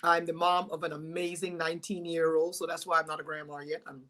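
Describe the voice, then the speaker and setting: A woman's voice: deep voice, little pitch movement, fast. Upbeat woman in her forties, from Guyana. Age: 40s. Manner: warm, upbeat, grateful. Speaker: fitness coach guest. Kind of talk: casual interview chat.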